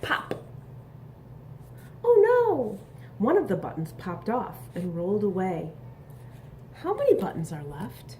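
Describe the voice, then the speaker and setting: With a mid-range voice, a storybook reader shares a picture book with young children, reading expressively and instructively while pausing for questions and asides. A little background noise can be heard.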